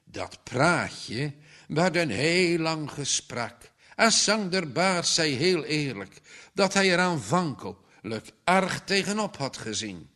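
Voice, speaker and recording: Slow expressive male story reader. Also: a little high. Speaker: narrator. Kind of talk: storybook reading.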